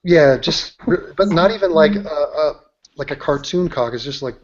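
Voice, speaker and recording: A man's voice: a little high, normal speed. A man hosting a casual chat, joking and teasing his guests. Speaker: host. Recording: dull lo-fi audio.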